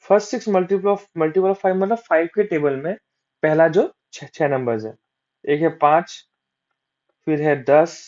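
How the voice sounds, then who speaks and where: Taking it slowly, a man with a fairly high, darkish voice walks through exam-prep maths problems step by step, asking and answering himself. He mixes English maths terms into Hindi on a dull lo-fi recording.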